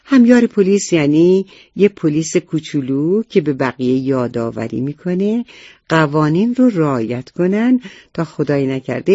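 A man's voice: on the high side, mellow, no echo. A man narrating a children's storybook, speaking directly to young listeners. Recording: dull, muffled recording.

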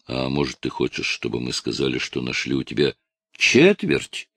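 Male reader doing a curt mocking detective, deep gravelly voice, dry read. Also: sing-song, moderate pace, a bit bright, no echo, heavily acted.

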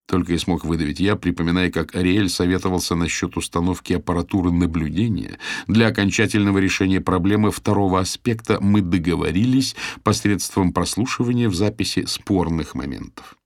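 Deep-voiced man narrating an audiobook. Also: fairly quick, dry recording, clean studio sound. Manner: expressive, animated storytelling. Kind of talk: first-person audiobook narration.

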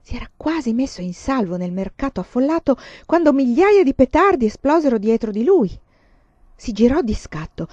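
A woman reading a novel aloud in lively, dramatic storytelling. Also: high voice, no echo, muffled recording. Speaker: reader. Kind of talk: audiobook narration.

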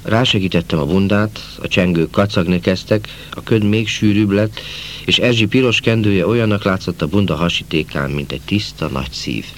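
A man narrating a novel in a calm, measured reading voice. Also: low voice, a little hiss or hum. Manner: calm, measured, falling at sentence ends. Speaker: audiobook narrator.

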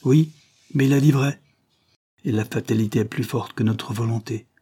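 A man reading an audiobook, voicing a grave army captain, torn and dutiful, in a low, hushed, solemn tone. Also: normal speed, slightly rough, close to an everyday voice.

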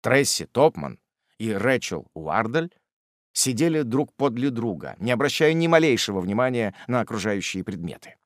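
A man narrating a classic novel as an audiobook reader, in an expressive, measured storytelling manner. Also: mid-range voice, dry recording, clean studio sound.

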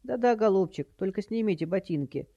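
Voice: mid-range voice, expressive, a little fast, mellow, muffled recording, pitched above the performer's own voice. A narrator voicing a feeble old woman who plays senile, with a quavering, doddering voice and a fussy, dithering manner.

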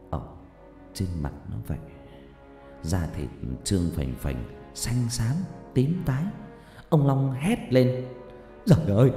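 A man's voice: fairly low pitch, warm tone. A man narrating a horror story in a dramatic, suspenseful way. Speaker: audiobook storyteller. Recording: reverb-heavy narration with faint music.

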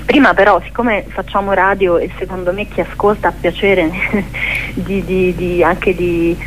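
A woman's voice: on the low side, steady tone, a little slow. A woman interviewing on radio in a reflective literary style, hesitant and often searching for her words. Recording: clearly noisy, humming background.

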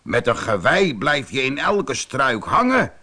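A man's voice: mid-range voice, big pitch swings, measured pace, sharp tone, exaggerated voice. A man voicing a stubborn male sheep in a storybook, dismissive of the others.

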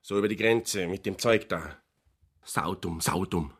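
An actor playing a bitter, gruff male drifter after the war in a radio drama, husky and sullen. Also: sits low, a little slow, a bit bright, full character voice. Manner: gruff, sullen, bursts of anger.

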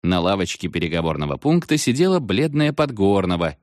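A man narrating a children's horror audiobook in an expressive, dramatic way. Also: sits low, brisk, dry recording, clean studio sound.

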